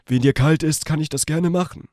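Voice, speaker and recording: A man's voice: a little high, a little fast, dark tone, no room sound, studio quality, pitched above the performer's own voice, natural voice. A man playing a shy, nervous young man in a read-aloud story, his voice a little raised and tense.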